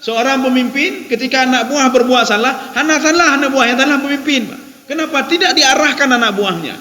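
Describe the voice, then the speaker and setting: A man with an Acehnese accent preaches in a relaxed, conversational way and keeps turning to his listeners. His voice sits high for a man. The sound rings through a large mosque hall with a long reverb tail. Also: a little fast. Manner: peppers lines with direct address to listeners, repeats phrases. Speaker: Islamic preacher. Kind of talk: conversational sermon.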